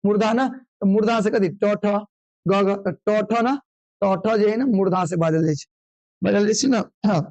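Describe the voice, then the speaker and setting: A man teaching an online exam revision class, firing quick questions and answering them himself, sometimes scolding. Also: high-pitched, a little mellow, dry recording, muffled recording. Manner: drilling call-and-response questions, brisk and scolding.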